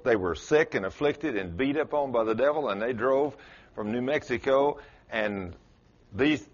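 A man's voice: mid-range voice, lo-fi sound. Folksy preacher man in his sixties. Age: 60s. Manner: folksy preaching, quizzes the congregation, rises to loud exclamations. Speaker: pastor. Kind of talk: sermon.

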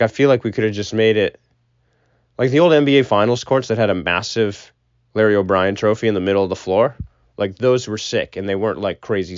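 Young man, very low voice, rambling profane podcast chatter, recorded inside a closet, dead dry and dull. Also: dry recording. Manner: rambling, filler-heavy, profane. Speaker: podcast host. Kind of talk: casual solo podcast rant.

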